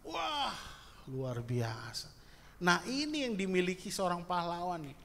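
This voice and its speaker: A male pastor preaching a sermon in a playful, lively way, acting out little prayers and asides. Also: high-pitched, measured pace, gravelly. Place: church hall. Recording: church hall with long reverb.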